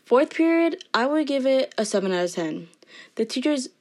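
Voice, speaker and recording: A teenage student vlogs casually about her day, rambling and filling her talk with constant fillers, especially "like." Her voice sits high and moves at normal speed, and her mostly even delivery is a bit monotone, as she herself describes it.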